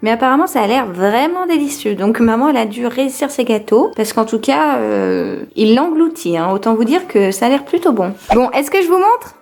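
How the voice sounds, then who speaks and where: A chatty young woman with a fairly high voice talks in an upbeat way to her handheld camera. She uses lots of fillers. It is a casual home vlog recorded in her own kitchen. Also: animated, moderate pace, creaky, hardly any pauses, a little mellow. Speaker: vlogger, mother.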